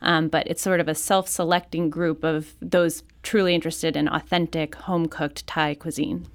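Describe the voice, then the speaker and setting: A woman's voice: low-pitched, flat delivery, moderate pace. A woman magazine editor on a radio interview, explaining in a thoughtful way with frequent ums. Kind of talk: studio interview. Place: radio studio.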